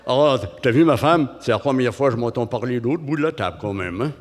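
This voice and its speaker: Un homme qui imite un Français à la mâchoire carrée, qui parle comme avec une patate chaude dans la bouche. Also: male voice, mid-range voice, lively intonation, quick pace, natural voice. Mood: bemused. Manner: mumbled, as if mouth full. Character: French man with square jaw, hot-potato speech. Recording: long hall reverb.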